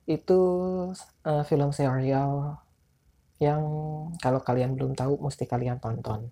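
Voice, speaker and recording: Male podcast host, Jakarta accent, dark mellow tone, can't roll his r's, loose and informal. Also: medium pitch, flat delivery, unhurried. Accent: Jakarta Indonesian. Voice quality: speech impediment on r, cannot roll his r's. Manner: informal, rambling, self-deprecating. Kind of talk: casual solo podcast chat.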